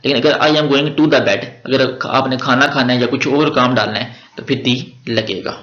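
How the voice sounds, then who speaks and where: In a roomy, dull lo-fi recording, a man teaches grammar for exam preparation, walking through it step by step in a chatty manner with jokes along the way. He has a Pakistani Urdu accent with a touch of Punjabi, and speaks at a moderate pace in a steady, mid-range, fairly bright voice.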